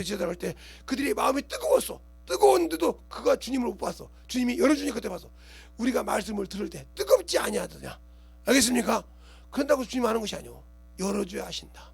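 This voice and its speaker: A male pastor preaching a sermon in a colloquial, animated way, acting out scenes and keeping on asking the congregation whether they understand. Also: extremely high pitch, creaky, husky. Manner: animated, acts out scenes with gestures and quoted voices.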